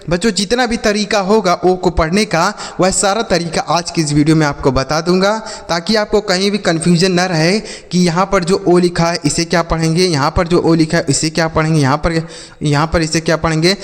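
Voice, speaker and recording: A man leads a children's phonics lesson in a slightly raised voice. He spells words letter by letter and drills each one with a question and an answer. His voice rings with a long reverb, as if in a big bare room. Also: on the high side. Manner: repeats each word as a call-and-response drill. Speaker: English teacher.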